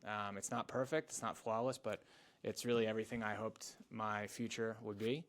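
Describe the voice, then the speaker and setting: Lower-voiced man with a halting thank-you. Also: flat delivery, a bit bright. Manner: emotional, halting, with restarts. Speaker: painting company owner. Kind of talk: recorded video testimonial.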